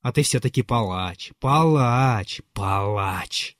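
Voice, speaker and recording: A man doing a bitter man shouting in fury. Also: animated, slow, no echo, studio quality. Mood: furious. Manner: loud, ranting and raised in pitch. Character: furious, bitter, poor man shouting at his servant.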